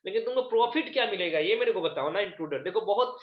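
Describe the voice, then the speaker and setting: Hindi-speaking teacher explaining a play. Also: male voice, high-pitched, animated, quick pace. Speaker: English teacher. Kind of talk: online class lecture, reading a play aloud and explaining in Hindi. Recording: echoey room, dull lo-fi sound.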